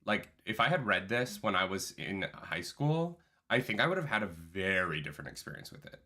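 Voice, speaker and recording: A man in his thirties co-hosts a casual book-club livestream and reads viewer chats aloud. His bright voice swings widely in pitch, and his delivery is animated. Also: a little fast. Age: 30s. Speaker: co-host.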